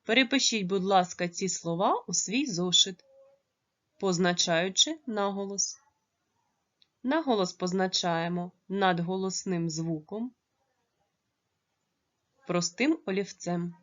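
A woman teacher giving a primary school lesson, pronouncing words slowly and carefully. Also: medium pitch, fairly bright tone, highs cut off. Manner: slow, careful pronunciation when modelling words.

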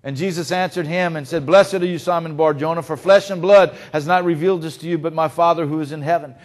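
A male pastor preaching a sermon, swinging between hushed, intimate lines and loud, emphatic ones. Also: on the high side, steady tone, fast. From Louisiana.

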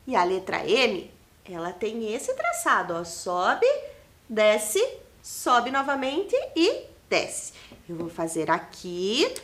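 A woman's voice: mid-range voice, sing-song, slow, fairly bright tone, slight background noise. A woman with a Brazilian Portuguese accent, teaching a lesson to young children. She spells out letters and syllables and keeps asking the class questions. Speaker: primary school teacher. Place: classroom studio for televised lessons.

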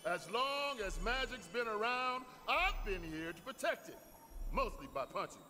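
An actor playing a tough, swaggering male fairy guardian in a video game, gruff and full of exclamations. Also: sits high, sing-song, measured pace, pushed and bright, faint music behind, full character voice. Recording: game audio with long reverb.

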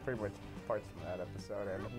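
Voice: deep voice, fairly even intonation, fast, music in the background. A host of a gaming show chatting casually while playing, laughing often and quoting cartoon lines. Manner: giggly, quotes cartoon lines in put-on voices. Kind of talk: casual let's-play banter.

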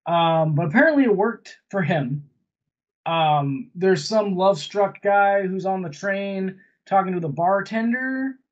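A man's voice: sits high, expressive, measured pace, dull audio. A man co-hosting a casual film review chat over a video call, recapping plots in a meandering way with many fillers. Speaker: podcast co-host reviewing films.

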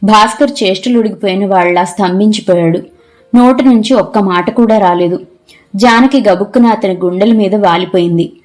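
A woman narrating a novel in an audiobook, telling the story in a measured, expressive way. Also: medium pitch. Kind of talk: scripted narration.

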